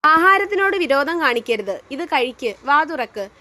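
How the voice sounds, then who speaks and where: A woman's voice: sits high, big pitch swings, normal speed, pushed and bright, exaggerated voice. Woman voicing a coaxing young ex-fiancée. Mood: pleading. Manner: pleading, coaxing. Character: young woman, pleading then scornful ex-fiancée.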